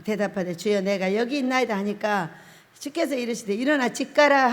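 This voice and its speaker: A woman pastor with a fairly high voice preaches in a storytelling way, often breaking into laughter and acting out what people said. Her voice rings with a long reverb, as if she were in a church sanctuary. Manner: chatty storytelling sermon with frequent laughter and acted quotes. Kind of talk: sermon. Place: prayer-house church sanctuary.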